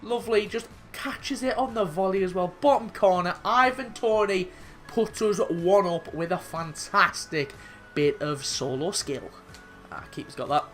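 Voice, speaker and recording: A young man commentating his own football video game match, excitable and swearing, with sudden shouts when goals go in. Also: high-pitched, measured pace, soft background music. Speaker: gaming YouTuber.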